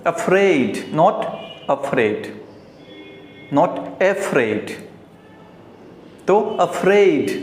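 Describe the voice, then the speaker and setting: An Indian man from Bihar teaching English pronunciation, slowly repeating each word several times and drawing out the model words. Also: on the high side. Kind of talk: pronunciation lesson. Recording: roomy echo, faint background hiss.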